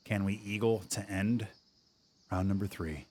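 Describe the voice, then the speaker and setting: A man streaming a golf video game, chatting casually, answering viewer chat and getting excited over good shots. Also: lowish voice, a little slow, a little hiss or hum. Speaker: gaming streamer. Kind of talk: casual livestream game commentary.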